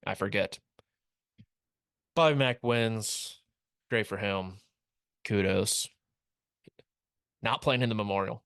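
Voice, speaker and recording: A man's voice: on the low side, slow pace, pauses often, fairly bright tone, clean tone, no room sound. A young man hosting a casual comedic sports recap, wry and rambling with jokey asides, recorded close in a small studio. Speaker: host.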